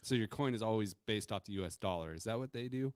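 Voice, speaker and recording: A man's voice: on the low side, clean tone, no echo, studio quality. Rambling man, podcast co-host. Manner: rambling, halting questions with many fillers. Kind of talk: casual bar banter.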